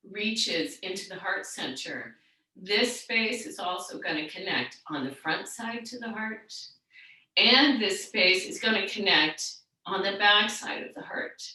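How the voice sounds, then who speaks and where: A middle-aged woman teaching a yoga class, telling a story in a rambling, chatty way and then guiding the class gently into a seated relaxation. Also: mid-range voice. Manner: rambling, chatty storytelling with many restarts and fillers. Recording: very echoey room, far from the mic.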